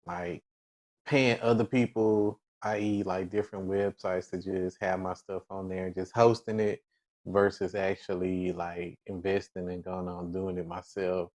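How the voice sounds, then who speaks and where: Deep laid-back man, teasing podcast banter. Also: fairly even intonation, darkish tone. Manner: laid-back, playful teasing, drawn-out words. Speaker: podcast co-host. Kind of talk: casual chat.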